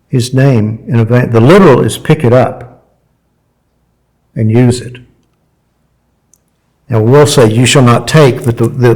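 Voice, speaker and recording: A man's voice: medium pitch, creaky, a little mellow, poor audio. A man teaching a sermon to a live audience in a casual, conversational way, often asking questions and voicing quotes. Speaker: Bible teacher.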